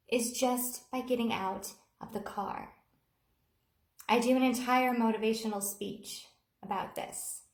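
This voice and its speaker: Earnest woman in her forties, echoey room. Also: sits high. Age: 40s. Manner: earnest, candid storytelling. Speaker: motivational speaker. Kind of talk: casual motivational vlog. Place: home office.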